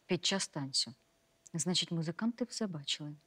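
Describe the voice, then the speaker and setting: An actress playing a composed female prosecutor's investigator in a docudrama reenactment, questioning witnesses in a brisk, businesslike way. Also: deep voice, animated, sharp tone, slightly rough, heavily acted. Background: music.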